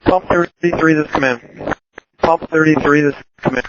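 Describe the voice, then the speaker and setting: A man acting as fire incident commander, giving calm orders over a two-way radio, halting with fillers. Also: a little high. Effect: heard over a two-way radio. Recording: muffled lo-fi radio with faint hiss.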